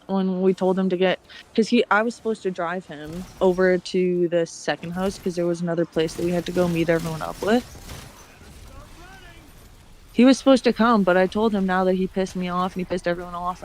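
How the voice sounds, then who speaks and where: A woman's voice: lowish voice, little pitch movement, fast talker, a little mellow. A woman streamer telling a long story in casual chat. She acts out the other people's lines and swears often.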